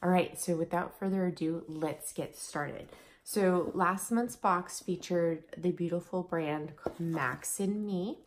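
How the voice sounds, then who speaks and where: A slightly hoarse woman vlogger chatting casually and upbeat through a beauty product review. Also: on the low side, slight background noise. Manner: chatty, upbeat, laughs often.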